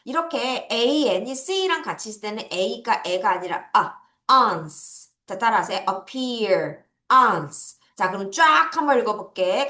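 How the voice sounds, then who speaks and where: A woman teaching English words to children, drilling them slowly and laughing now and then. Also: a little high, a bit bright. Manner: slow, drawn-out drilling of words. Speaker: English tutor. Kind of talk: online vocabulary lesson for children. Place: classroom. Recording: echoey room.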